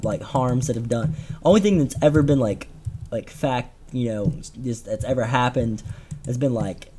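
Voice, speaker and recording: A man's voice: medium pitch, warm tone, a little hiss or hum. A teenage man telling a rambling, slangy story on a casual podcast, with lots of fillers and restarts. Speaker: podcast co-host.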